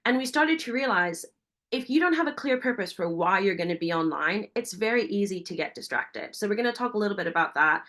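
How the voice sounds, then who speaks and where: A woman, a founder giving a fast, enthusiastic webinar presentation and asking her audience many questions. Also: mid-range voice, animated, a bit bright. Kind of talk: energetic business presentation.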